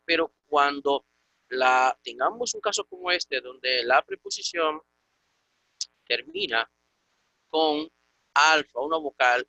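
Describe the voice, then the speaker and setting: A man teaching a Greek class over a video call, explaining patiently and repeating words slowly. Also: on the high side, sharp tone, no room sound, low-quality recording. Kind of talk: online class lesson.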